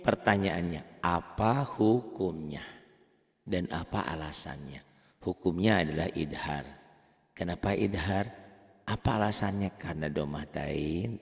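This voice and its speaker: An Indonesian man teaching a beginner tajwid lesson, who asks and answers his own questions and chants the Arabic examples slowly. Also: gravelly, big-room sound. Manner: explains plainly, then chants Arabic examples slowly in a high voice. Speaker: Quran recitation teacher.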